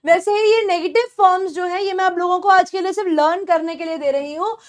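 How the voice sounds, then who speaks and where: A woman with an Indian accent, a native Hindi speaker, teaching a beginners' spoken English lesson, explaining and repeating English words slowly for pronunciation. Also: very high-pitched.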